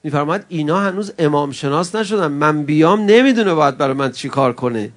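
A man with a notably high voice preaches an emotional religious sermon. He moves from soaring, impassioned cries down to hushed, close words for his listeners. His tone toward the crowd is friendly and familiar. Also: lively intonation. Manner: swings between loud impassioned cries and soft, intimate address to the audience; chummy, calls listeners friends. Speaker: preacher at a mourning gathering.

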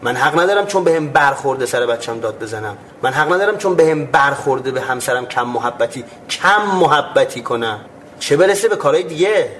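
A man preaching on everyday morals at a middle pitch. He explains his point in earnest tones and acts out short back-and-forth dialogues to show it. A faint hiss sits under his voice. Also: animated, fairly bright tone. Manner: acts out imagined dialogues with listeners. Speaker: religious speaker. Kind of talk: religious ethics talk.

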